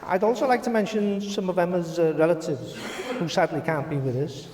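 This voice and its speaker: A middle-aged man giving a wedding toast speech as father of the bride, halting and jovial, into a handheld mic in a large echoing reception hall. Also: high voice, animated, darkish tone, slight background noise. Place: large glass-walled wedding reception room. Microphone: handheld microphone. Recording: echoey hall, handheld mic, guests reacting. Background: wedding guests murmuring and laughing.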